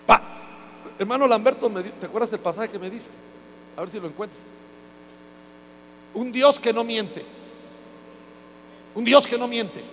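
High-voiced pastor preaching in a hall. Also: male voice, unhurried, long pauses, a bit bright. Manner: preaching with joking asides and acted-out quotes. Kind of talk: sermon. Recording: hall reverb with faint mains hum.

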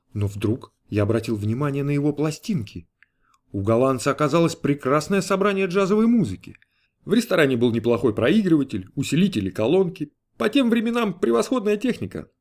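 A man reading a story aloud in a measured, even storytelling manner. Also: medium pitch. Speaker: audiobook reader. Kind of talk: scripted narration.

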